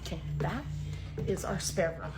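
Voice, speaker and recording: A middle-aged woman filming inside her house on a handheld phone, talking in a hushed, shaky voice that often drops to a whisper. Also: on the low side, moderate pace, over loud music. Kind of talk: frightened home video narration. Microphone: handheld phone camera. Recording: phone video with clear background noise.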